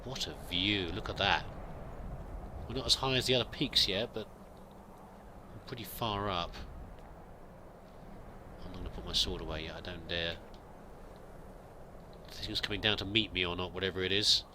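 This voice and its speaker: In a low-pitched voice at normal speed, with long pauses and a sharp tone, a man gives in-character gameplay commentary over a slight hiss or hum. This let's play gamer, roleplaying a pilgrim, thinks aloud in a musing, hesitant way, with many restarts.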